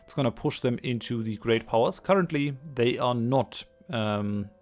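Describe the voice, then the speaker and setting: A gaming channel host with a cold gives let's play commentary in a congested, stuffy-nosed voice. His mid-range tone is expressive and darkish, at a moderate pace, and he sounds hesitant, repeating phrases for emphasis.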